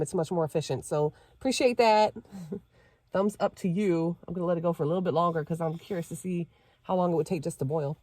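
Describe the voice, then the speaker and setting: A chatty young woman vlogging from the back of her parked car, talking through a task and laughing easily. Her voice sits a little low and mellow. The sound is close and dry, with no room echo. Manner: chatty, laughs often, talks while doing tasks. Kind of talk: casual vlog chat.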